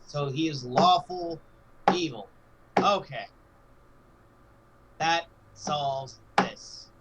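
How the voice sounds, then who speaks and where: A man's voice: on the high side, wildly swooping pitch, drawn-out words, creaky, very noisy. A man playing a tabletop game, pressing the game master with insistent questions. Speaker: player.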